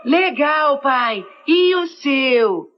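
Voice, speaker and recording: A voice in dubbed film dialogue, drawn-out and mock sweet. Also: sits high, animated, dull audio, full character voice.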